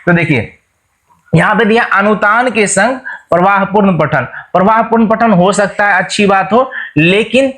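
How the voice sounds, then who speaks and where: A man with a high-pitched voice gives an exam-prep lesson. He works through each question, explains it, and then repeats it in simpler words. He keeps checking back with his viewers as he goes. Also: normal speed, a bit bright. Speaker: teacher.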